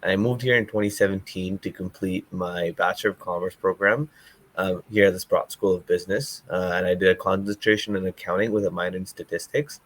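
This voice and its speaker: A man's voice: deep voice, steady tone, fairly quick, no room sound. A young man who grew up in the UAE, a student panelist, introducing himself in an upbeat way with fillers. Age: young adult.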